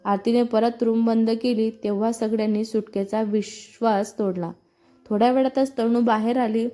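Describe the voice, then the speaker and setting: High, mellow woman storyteller. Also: fairly even intonation, moderate pace. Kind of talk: scripted story narration.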